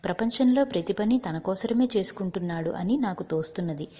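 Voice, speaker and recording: A woman voicing a wise young girl who reasons calmly through probing questions, in a dull recording with long reverb. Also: mid-range voice, brisk, slightly rough.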